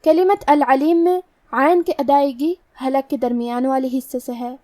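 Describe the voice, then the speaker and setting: A woman teaching Quran recitation rules, explaining pronunciation slowly and methodically. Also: high voice, fairly even intonation, warm tone, no echo, studio quality, far from the mic. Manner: slow, careful, methodical explanation. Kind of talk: tajweed lesson, explaining letter rules.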